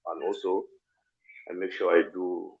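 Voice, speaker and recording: A man's voice: deep voice, little pitch movement, a little slow, gravelly, highs cut off. A man from Cameroon, a guest blogger in a live online interview who speaks politely, repeats himself and hesitates with fillers.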